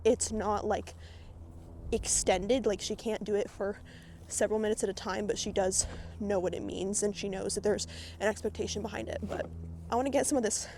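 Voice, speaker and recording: In a casual barn-side vlog, a breathless woman grooms her horse while rambling with plenty of filler words. Her medium-pitched voice is a little mellow, with fairly even intonation at normal speed, and faint hiss or hum.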